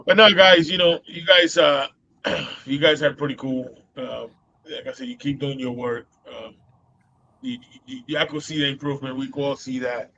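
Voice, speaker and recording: A man's voice: mid-range voice, normal speed, vocal fry, pushed and bright, muffled recording, a little hiss or hum. A man with a Boston accent hosting a casual live show, rambling with many fillers and laughing often. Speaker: host.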